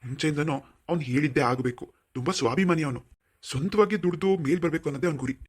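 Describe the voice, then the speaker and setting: A man's voice: fairly high pitch, very fast, breathy edge. An actor playing a wealthy middle-aged father who owns a company, affectionate but insistent. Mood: fatherly. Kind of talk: cartoon voice acting.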